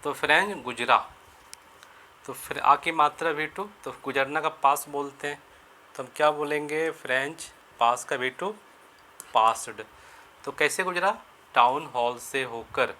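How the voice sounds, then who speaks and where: A man teaching English grammar in Hindi, explaining each sentence step by step and slowing down to spell out the English phrases. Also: mid-range voice, pushed and bright. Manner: repeats and rephrases sentences, asks and answers his own questions. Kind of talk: Hindi-medium grammar lesson.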